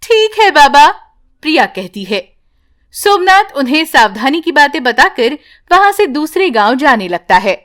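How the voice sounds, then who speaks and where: A woman narrating an animated bedtime story in a calm, even storytelling manner. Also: high voice, moderate pace.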